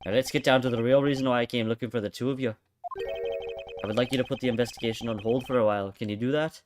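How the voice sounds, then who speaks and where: A man's voice: mid-range voice, fairly even intonation, rapid-fire, natural voice. A man voicing a polite but firm middle-aged male ambassador with a formal manner, over game music.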